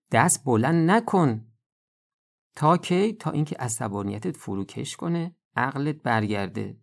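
A man's voice: medium pitch, gravelly. A man giving a podcast sermon, reciting Arabic traditions and then explaining them in casual speech, asking himself questions and answering them. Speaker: religious lecturer.

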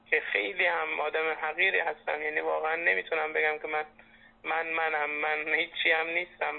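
A young man in his twenties speaks over a landline phone, his fairly high voice gravelly and held to a narrow, even pitch. He talks in an earnest, reflective way. The sound is thin and tinny, as a phone line makes it. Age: 20s. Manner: reflective, earnest, recites poetry. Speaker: caller. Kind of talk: phone conversation.

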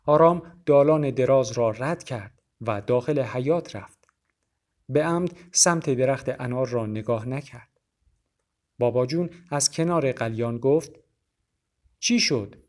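A man reading a novel aloud as audiobook narrator, in a steady, measured storytelling manner. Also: mid-range voice.

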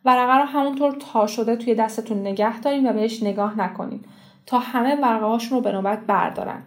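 A woman's voice: on the high side, natural voice. A woman reading the part of a matter-of-fact male village official in an audiobook story. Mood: businesslike. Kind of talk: audiobook character voice.

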